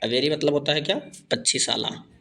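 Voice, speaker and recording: A man teaching vocabulary for exams in Hindi, reading each phrase slowly, then explaining it and repeating the answer. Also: on the high side, lively intonation, vocal fry, sharp tone, slight background noise. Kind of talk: exam-prep lesson.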